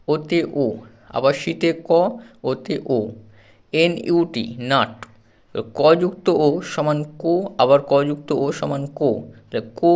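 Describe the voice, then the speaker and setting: A man teaches letter sounds slowly and patiently, breaking each word into its letters. His voice sits a little high for a man. It is the steady, careful delivery of a children's phonics lesson. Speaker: English teacher.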